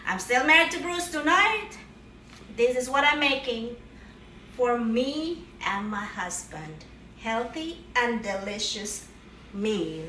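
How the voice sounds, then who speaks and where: A woman's voice: a little high, animated, takes it slowly, long pauses, sharp tone, far from the mic, slight background noise. A middle-aged woman chatting playfully as she cooks at home, narrating each step with cheery exclamations. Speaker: home cook. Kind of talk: casual cooking vlog narration. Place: home kitchen. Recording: echoey room, voice from afar.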